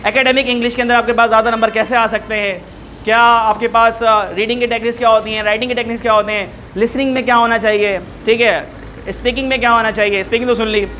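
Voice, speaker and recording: Man, teacher, bright tense voice, faint background noise, lively classroom lecture. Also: extremely high pitch, quick pace. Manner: lively, rhetorical questions to students, switches between languages. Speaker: English teacher. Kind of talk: classroom lecture mixing Hindi-Urdu and English.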